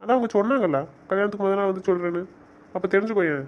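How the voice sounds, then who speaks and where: A man's voice: high-pitched, very fast, natural voice. A man voicing a patient but exasperated young man coaxing his fiancée. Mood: reasoning. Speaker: voice actor. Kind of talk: audio drama acting. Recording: dull lo-fi sound with faint noise.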